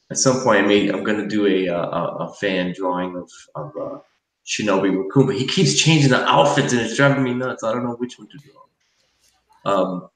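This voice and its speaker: A man hosting a casual livestream while he draws, rambling with many fillers and restarts. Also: fairly low pitch. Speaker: livestream host. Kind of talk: casual chat while drawing. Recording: roomy, distant from mic.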